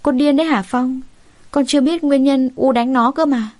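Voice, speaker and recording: A woman's voice: fairly high pitch, fairly quick, a little mellow, no echo, natural voice. A woman voicing a stern, domineering old mother-in-law who scolds harshly and gives orders.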